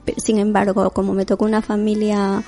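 Latin American woman in her forties, interview guest; mellow, gravelly delivery, faint music underneath. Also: mid-range voice, completely flat delivery, brisk. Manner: reflective, many restarts and fillers. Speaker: guest, domestic worker. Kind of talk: conversational interview.

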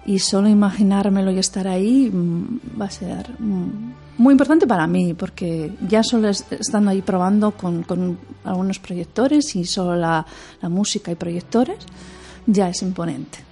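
Expressive woman opera singer, interviewed. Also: mid-range voice, normal speed, creaky, breathy edge, soft background music. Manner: expressive, animated storyteller with laughs. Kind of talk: interview conversation.

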